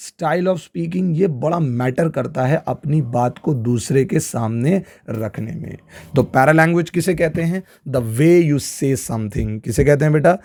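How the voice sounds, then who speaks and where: A man teaching a class, slow and stressed, often checking whether his students follow. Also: fairly high pitch. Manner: animated, keeps asking if students follow; slow, stressed delivery with acted examples. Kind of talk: classroom lecture.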